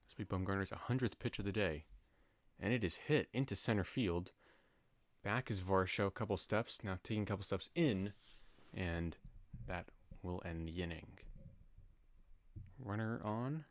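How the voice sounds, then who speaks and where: Man, deep voice, home play-by-play, laid-back asides. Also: moderate pace, dry recording. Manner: relaxed, chatty asides between calls. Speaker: play-by-play announcer. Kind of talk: casual solo baseball commentary.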